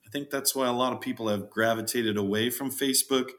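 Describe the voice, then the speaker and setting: A middle-aged man, a farm owner, chatting as a podcast guest in a jokey, animated way and acting out quotes. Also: fast. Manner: jokey, animated, acts out quotes with big pitch jumps. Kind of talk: casual interview chat.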